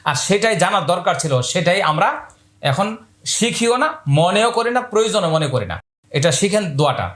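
A man teaching Quran reading, spelling out Arabic letters and drawing out each word slowly. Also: sits high, a bit bright, reverberant. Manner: slow drawn-out chanting of Arabic words, quick plain explanations between.

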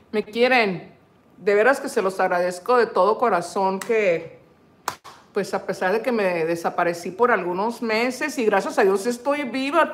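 A middle-aged woman hosts a livestream for her cooking channel, chatting casually, laughing often and dropping in English phrases. Her voice is medium-pitched and a bit bright.

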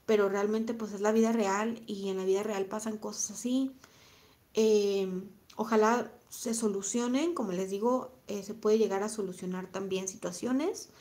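A woman with a Mexican accent, in her thirties, talking on a live stream and answering chat comments in a reflective, soft-spoken way, often repeating her phrases. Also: mid-range voice. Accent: Mexican Spanish. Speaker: vlogger reading live chat.

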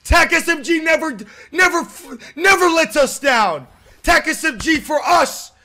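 A young man with a lisp, streaming a game live and yelling and swearing in bursts of rage. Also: extremely high pitch, a little slow. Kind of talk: raging live-stream commentary.

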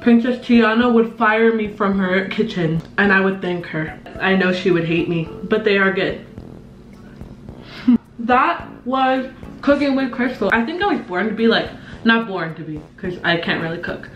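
With a medium-pitched, expressive voice at a moderate pace, a young adult woman cooks in a small home kitchen while chatting casually and teasing herself. This bubbly, chatty vlogger is filmed by a camera on the counter for a casual cooking vlog. The lo-fi audio sounds roomy, and soft music plays in the background.

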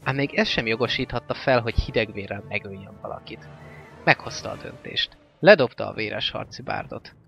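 A man reading a fantasy novel aloud as an audiobook narrator, in a steady, even-paced way. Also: fairly low pitch, vocal fry. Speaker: audiobook reader. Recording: slightly dull lo-fi with faint music.

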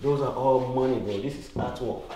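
A man's voice: medium pitch, normal speed, mellow, far from the mic, slight background noise. Man saying "bro" in an echoey empty room. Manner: casual, says "bro" often, emphatic. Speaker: man sheltering in an abandoned house. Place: large empty room in an abandoned house. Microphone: camera held at a distance.

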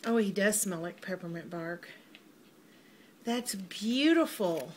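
A middle-aged woman, chatting warmly through an unboxing, gushing over each item and calling viewers y'all. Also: medium pitch, expressive, slow pace. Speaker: vlogger unboxing a mail order. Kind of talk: casual unboxing chat. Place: home. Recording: noisy home recording with crinkling packaging.

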